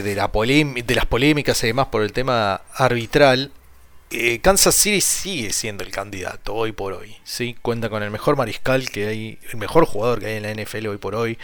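A man's voice: mid-range voice, fairly bright tone, no room sound. A man with an Argentine Spanish accent casually hosts a solo sports podcast, rambling and repeating himself, his mouth sore from a split lip and cut tongue. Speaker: podcast host.

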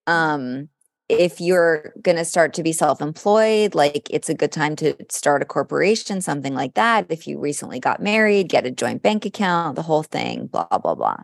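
In a relaxed podcast chat, a woman co-host reads horoscopes aloud conversationally, with some dramatic flair. Her voice sits low and creaky and is very animated at a normal pace. The sound is studio quality with no echo.

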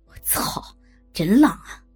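A woman's voice: mid-range voice, animated, moderate pace, darkish tone, husky, soft background music. A woman voicing a grumbling young male worker in an audio story, complaining crudely.

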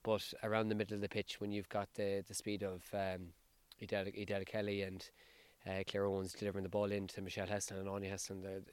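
A man's voice: lowish voice, monotone, quick pace, hardly any pauses, clean tone. A man with a west of Ireland accent giving an off-the-cuff interview as a sports coach, hesitating and repeating words as he finds his phrasing. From County Sligo, west of Ireland. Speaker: football team coach.

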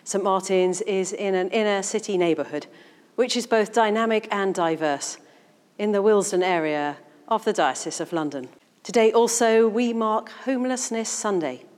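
A woman minister leading a church service, speaking in a formal, measured, reverent liturgical way. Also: medium pitch, a little mellow, big-room sound. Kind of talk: liturgical worship address. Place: large resonant church interior.

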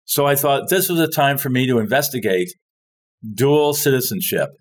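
A guest born in France who grew up overseas tells a long, rambling story in casual conversation, stopping now and then to search for words. His mid-range voice is animated, and he speaks at a moderate pace.

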